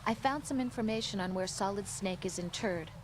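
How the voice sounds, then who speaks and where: An actress plays a woman who serves as a mission contact in a video game. She is composed and sympathetic, with a medium-pitched voice. Faint noise sits behind her. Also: brisk, close to an everyday voice. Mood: calm, sympathetic.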